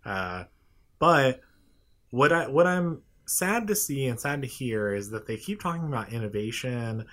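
A man's voice: mid-range voice, big pitch swings, measured pace, a bit bright. Young man musing, hedging in chat. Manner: thoughtful, hedging, frequent agreeing backchannels. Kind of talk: casual chat.

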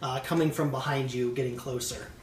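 A man narrating a tabletop role-playing game as game master, in a relaxed, halting way with many fillers. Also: medium pitch, reverberant, distant mic, slight background noise.

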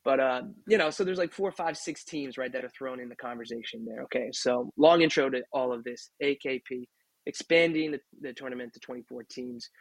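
A man's voice: mid-range voice, brisk, no room sound, poor audio. A man hosting a casual sports podcast, chatting and often asking "right?". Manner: chatty, rhetorical questions with "right?". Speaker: podcast host. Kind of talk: casual rugby talk.

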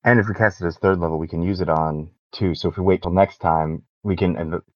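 Player: man with a very low voice, eager and quick, dull lo-fi dry sound. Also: fairly even intonation, dry recording. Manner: quick, eager spell planning. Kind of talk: casual tabletop game play.

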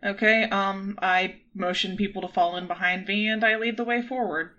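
A woman's voice: mid-range voice, fairly even intonation, moderate pace, pushed and bright, muffled recording. A woman playing a tabletop role-playing game, chatting casually with a dry, wry manner.

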